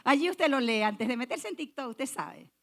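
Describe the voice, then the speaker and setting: A woman's voice: sits high, expressive, moderate pace, gravelly, fairly bright tone. A woman pastor preaching a sermon, emphatic, repeating key phrases and speaking straight to the congregation. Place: church.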